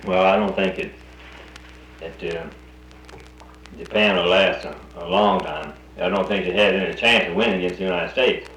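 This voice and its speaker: A North Carolina man chats casually about the war on a 1941 archival recording that sounds roomy with a faint hiss. His voice sits low and is a bit bright, he talks at normal speed with long pauses, and he's blunt, often starting his sentences over.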